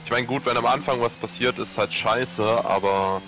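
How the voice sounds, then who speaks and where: A young man in casual gaming chat, haltingly repeating words as he thinks aloud. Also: mid-range voice, fairly even intonation. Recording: voice chat over loud car-game noise.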